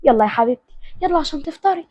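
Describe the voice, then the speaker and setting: A woman's voice: high-pitched, lively intonation, rapid-fire, darkish tone, dry recording. A woman voicing a caring young female friend who speaks soothingly, with an Egyptian accent. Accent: Egyptian Arabic. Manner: soothing, coaxing.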